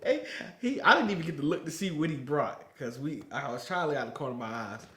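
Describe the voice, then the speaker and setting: A man's voice: fairly high pitch, quick pace, bright, forceful tone. A man who served as a Marine, an interview guest telling stories casually and animatedly, laughing often. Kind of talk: casual storytelling. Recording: roomy echo.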